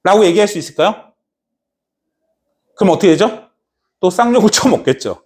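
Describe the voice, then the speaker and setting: A man teaching a math class, lively and chatty, acting out little scenes and often asking if students follow. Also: high-pitched, moderate pace. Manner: lively, acts out little scenes and keeps checking understanding. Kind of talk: classroom lecture.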